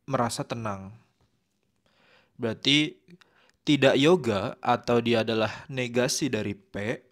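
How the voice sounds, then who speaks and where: A man teaching a lesson on logic in a relaxed, conversational way, with lots of fillers and tag words. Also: mid-range voice. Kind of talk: casual explanatory lesson.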